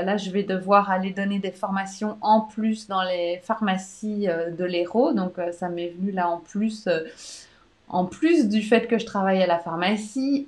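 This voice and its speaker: A woman with a Belgian French accent, a pharmacist hosting a live online question session, chatty with many hesitations. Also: mid-range voice. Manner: chatty, warm toward viewers, many "euh" hesitations and restarts. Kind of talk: live online Q&A, reading and answering viewer comments.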